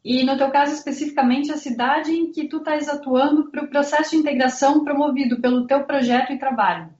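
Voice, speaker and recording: A high-voiced woman from southern Brazil speaks as an architect and interviewer, explaining things in a measured way. Her voice carries a roomy echo. The audio is dull and lo-fi. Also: steady tone, a little mellow. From Blumenau, southern Brazil. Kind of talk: interview questions.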